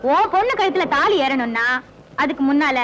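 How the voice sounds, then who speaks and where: A woman's voice: high voice, animated, brisk. An actress playing a bold young village woman who speaks in a mocking, defiant way in a 1980s film drama. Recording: old film soundtrack with loud music.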